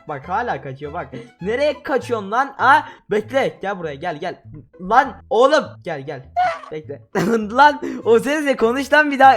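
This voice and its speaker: A high-pitched man hosts his gameplay video with loud, excitable commentary. He keeps shouting at the other players as he chases them down. Faint music plays underneath. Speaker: gaming video host.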